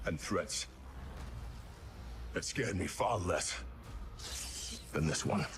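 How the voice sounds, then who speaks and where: An actor playing a battle-worn warrior god, speaking in a low, grave, reflective way. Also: male voice, slow pace, music in the background.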